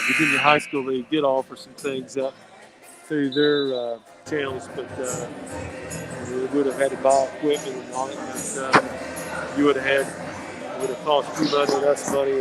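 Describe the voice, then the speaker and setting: A man's voice: mid-range voice, little pitch movement, normal speed, over loud music. An American man doing conversational local basketball commentary, his voice slightly muffled through a face mask, with folksy, coach-like asides. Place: indoor school basketball gym. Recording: noisy gym, bouncing balls behind. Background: gym noise, ball bounces.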